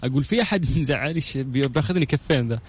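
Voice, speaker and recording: A man's voice: mid-range voice, breathy edge. A man hosting a live call-in radio show, greeting listeners and chatting with callers. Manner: warm greetings, quick lively banter with callers. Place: radio studio.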